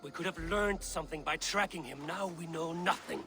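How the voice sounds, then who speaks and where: An actor playing a stern, resolute warrior leader in a video game, with an authoritative and deliberate delivery. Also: male voice, fairly high pitch, over music, natural voice. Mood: angry warning. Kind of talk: dramatic video game acting.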